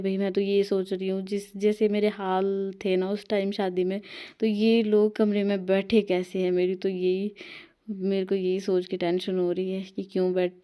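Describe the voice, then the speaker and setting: A young woman talks over her vlog footage in a rambling, chatty way. She keeps correcting herself as she goes. Her voice is mellow and warm, held in a narrow, even pitch. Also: clean tone. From Himachal Pradesh, India. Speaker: vlogger. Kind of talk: casual voice-over narration while editing.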